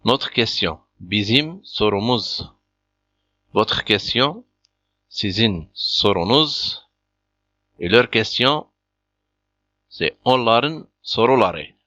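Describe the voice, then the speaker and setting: Slow, bright-toned male language teacher. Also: fairly low pitch, animated, no room sound. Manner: patient, methodical, repeats examples. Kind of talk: slow beginner language lesson. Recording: dull lo-fi dry recording.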